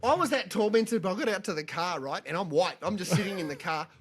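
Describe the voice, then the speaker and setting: A young Australian man telling a story on a podcast, animated, laughing and swearing as he goes. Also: sits high, quick pace. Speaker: podcast co-host. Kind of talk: casual storytelling chat.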